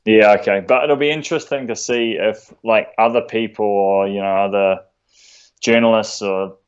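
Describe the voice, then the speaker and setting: A man with a broad New Zealand accent chatting casually in a laid-back, slangy, halting way as a podcast guest. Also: fairly low pitch, fairly even intonation, clear, resonant tone, muffled recording. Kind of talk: casual chat.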